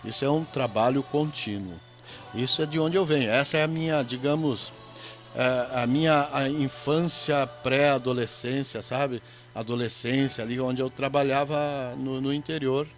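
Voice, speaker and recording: Middle-aged gaucho guy on radio, folksy storyteller, cracks little jokes, soft music under him. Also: mid-range voice, fairly even intonation, normal speed. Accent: Gaúcho Brazilian Portuguese. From Rio Grande do Sul, Brazil. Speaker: evangelist guest. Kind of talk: radio interview.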